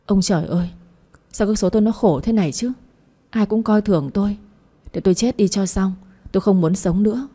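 A woman's voice: on the low side, quick pace, long pauses, dark tone, natural voice. A woman voicing a bitter eldest sister who lashes out and despairs. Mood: wailing. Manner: wailing, hurt outbursts.

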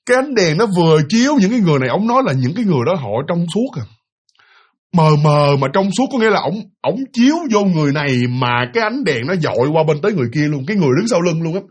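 A man with a Southern Vietnamese accent, casually retelling a ghost story in an animated way, full of fillers and repeated words. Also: on the high side, fast, breathy edge.

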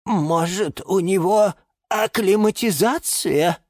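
A woman's voice: mid-range voice, slow pace, darkish tone, no room sound, clean studio sound, voice pushed up. A woman voicing a fussy, motherly elderly lady plant who chatters fretfully. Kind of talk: storybook reading.

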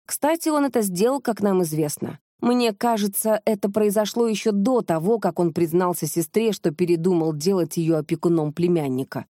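A woman voicing a sharp-minded woman investigator who calmly lays out a case in a close, dry studio recording. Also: lowish voice, moderate pace, few pauses, no echo, close to an everyday voice. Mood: explaining. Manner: calm, reasoned explaining.

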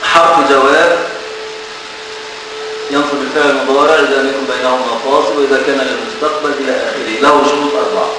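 A man with an Egyptian accent teaching a class, lively and bantering with his students and repeating key words for emphasis. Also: medium pitch, quick pace. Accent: Egyptian Arabic. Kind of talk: classroom lecture. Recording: echoey room from far off, ambient noise.

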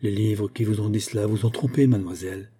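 A man's voice: lowish voice, fairly even intonation, quick pace, warm tone, breathy edge. A man voicing an ardent, earnest young man declaring his love in a storybook reading.

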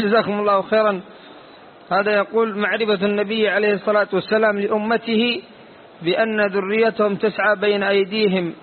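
A man's voice: high voice, little pitch movement, a little fast. A man reading out the audience's questions formally, opening each with a blessing. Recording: tinny phone-like recording with faint noise, heard from a distance.

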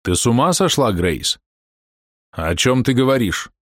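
A man's voice: mid-range voice, sing-song, measured pace, fairly bright tone, no echo, studio quality, voice pushed up. A man voicing a big, betrayed husband who turns harsh and explosive. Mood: furious. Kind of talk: audiobook character voice.

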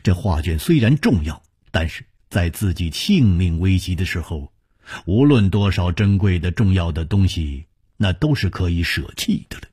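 A man telling a martial arts tale in traditional oral storytelling style, dramatic and husky. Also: sing-song, darkish tone, no room sound, studio quality. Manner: dramatic, drawn-out delivery with sudden high exclamations.

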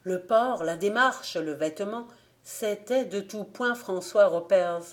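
A woman reading a literary audiobook in a measured, deliberate way. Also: mid-range voice. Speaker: audiobook reader.

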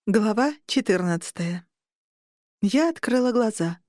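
A woman reading a first-person audiobook in a measured, steady way on a close mic. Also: mid-range voice, no echo. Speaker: audiobook narrator.

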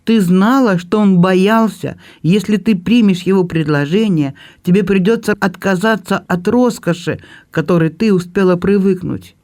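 A man reading an audiobook and voicing a gentle older brother who speaks softly and jokes kindly. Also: high-pitched, moderate pace, few pauses. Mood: probing. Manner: soft, kindly, gently joking.

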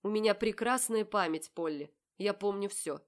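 A woman's voice: mid-range voice, normal speed, voice pushed up, lightly acted. A woman reading an audiobook, voicing a cold, self-assured young man who speaks in a curt, mocking way. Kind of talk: audiobook character voice.

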